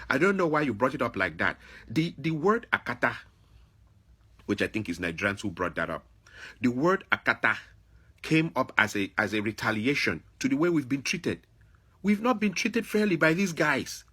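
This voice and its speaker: With a medium-pitched voice that is pushed and bright, with a breathy edge, an African man vlogs an opinionated monologue aimed at someone else. His tone is confrontational and admonishing, and he repeats phrases to stress his points.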